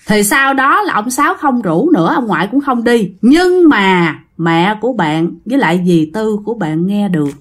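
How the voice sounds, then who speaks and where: A woman's voice: mid-range voice, sing-song, moderate pace, hardly any pauses. Chatty southern Vietnamese woman storyteller. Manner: chatty, addressing listeners directly. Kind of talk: casual ghost story narration.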